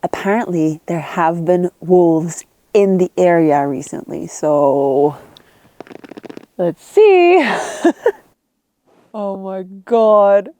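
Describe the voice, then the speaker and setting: A woman in her thirties vlogging casually outdoors on her mountain land, enthusiastic and quick to laugh. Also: fairly low pitch, no echo. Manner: enthusiastic, easily excited, laughing. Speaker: travel vlogger. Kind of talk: casual vlog narration.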